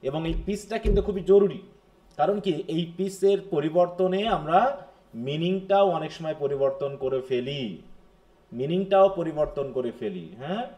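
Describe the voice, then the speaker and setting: A man's voice: fairly high pitch, dark tone. Bangladeshi man teaching a class. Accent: Bangladeshi Bengali. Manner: explains in Bengali and reads English definitions slowly; keeps asking the class questions. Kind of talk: live lecture.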